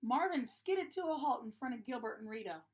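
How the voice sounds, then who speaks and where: A woman reading a children's picture book aloud in a lively, expressive way. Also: fairly high pitch, a little fast. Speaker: storybook reader. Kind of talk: children's story read-aloud.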